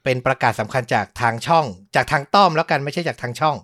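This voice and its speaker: A man's voice: a little high, fast, fairly bright tone, no room sound, studio quality. A man hosting a podcast, chatting casually in a playful, teasing way. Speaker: podcast host.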